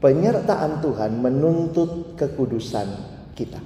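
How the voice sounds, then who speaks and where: A man preaching a sermon to his congregation, telling Bible stories and acting out quotes, his voice swinging from loud to hushed. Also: on the high side, lively intonation, unhurried, background noise. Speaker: pastor. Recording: echoey hall with long reverb.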